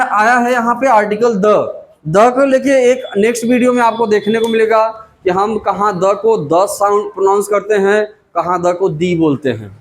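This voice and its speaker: A male teacher with an Indian accent speaks in a fairly high voice, drawing each definition out slowly so it can be copied down. He moves between Hindi explanations and English terms in a patient classroom manner. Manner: slow, dictating definitions word by word.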